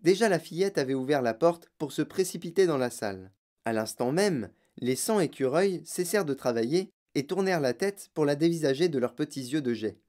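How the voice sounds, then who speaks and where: A woman narrating a children's novel in an expressive storytelling way. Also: deep voice, a little fast. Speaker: reader.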